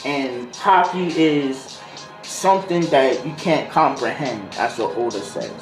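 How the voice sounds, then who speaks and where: Speaking slowly in a mid-range, animated voice, this male video host spins a casual, improvised story full of slang, rambling and side tangents. A music beat sits behind his voice in a room with noticeable echo.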